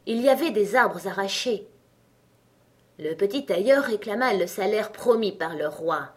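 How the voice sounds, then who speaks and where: A woman reading a fairy tale aloud as a storyteller, with lively, dramatic emphasis. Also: mid-range voice.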